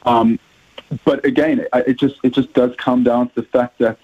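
Over a tinny phone line, a South African man with a husky, mid-range voice speaks at a moderate pace in a level tone. He's a rugby journalist fielding interview questions, with frequent hesitations and repeated words.

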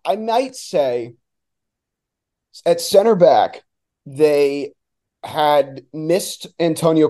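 Speaking as a guest, this American radio play-by-play man from New Jersey gives relaxed sports commentary in a mellow, medium-pitched voice. He thinks aloud and keeps restarting his words.

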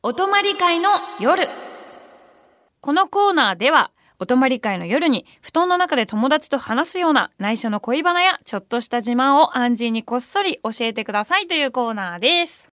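Fast-talking young woman radio host. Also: high voice, dry recording, clean studio sound. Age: young adult. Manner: animated storytelling, laughs often, mock retorts. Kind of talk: casual chat. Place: radio studio. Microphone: studio microphone.

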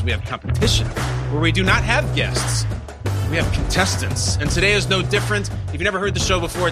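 A man hosting a podcast quiz with emphatic, mock-dramatic showman banter. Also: on the high side. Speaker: podcast game show host. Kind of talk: high-energy game show hosting banter.

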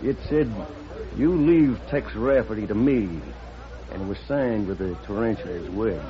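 A man's voice: on the low side, normal speed, close to an everyday voice. An actor playing a blunt, knowing saloon barman in a vintage radio western, folksy and challenging. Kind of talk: 1940s radio western acting. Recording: dull vintage radio recording.

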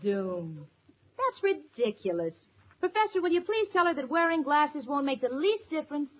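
An actress playing a practical, bossy but fond young woman in an old radio sitcom, brisk and exasperated. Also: sits high, big pitch swings. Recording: dull, noisy old radio, audience behind.

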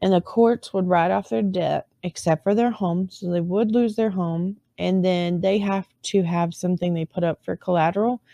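Woman w/ a low gravelly voice doing true crime storytelling, chatty, keeps correcting herself, dry close mic. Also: fairly even intonation, moderate pace, few pauses, dark tone, no room sound. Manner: conversational, self-correcting, wry asides.

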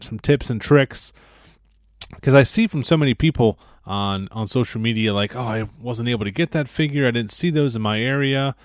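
A man's voice: mid-range voice, no room sound. A man hosting a podcast, chatty and upbeat, with many filler words, speaking from a podcast studio. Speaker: podcast host.

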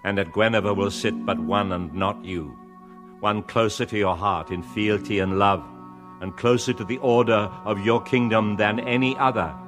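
An actor playing a grave, brooding wizard and prophet in a poetic audio drama, with a solemn, incantatory, measured delivery. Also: male voice, fairly low pitch, fairly even intonation, music in the background, natural voice. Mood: grave warning.

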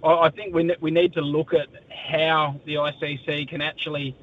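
A man's voice: flat delivery, moderate pace. An Australian man chatting as a sports correspondent in a live radio interview, discursive and colloquial. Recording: muffled, low-fi line with faint noise.

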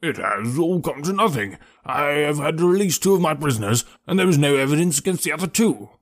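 A man's voice: a little high, expressive, a little fast, voice pushed up. A man voicing a blustering, self-satisfied male police inspector in an audiobook reading. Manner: hearty, pompous, exclaiming.

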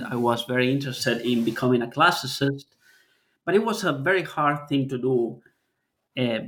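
A man's voice: mid-range voice, fairly bright tone. A man from Peru, a scholar giving a thoughtful interview and searching for words as he explains his work. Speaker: author, academic guest. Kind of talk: podcast interview.

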